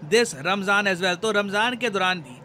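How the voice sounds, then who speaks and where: Man, high bright voice, conversational explainer, light traffic noise. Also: unhurried. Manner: Hindi-English code-mixing, conversational explaining. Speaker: current affairs educator. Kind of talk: explainer video lecture.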